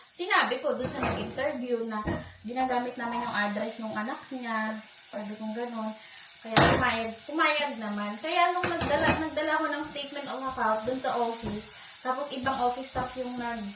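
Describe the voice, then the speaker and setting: A woman's voice: on the high side, noisy background. Chatty woman from the Philippines, echoey. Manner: chatty, confiding, keeps addressing viewers directly. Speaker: vlogger. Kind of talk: casual storytelling to viewers. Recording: echoey room, voice distant from mic.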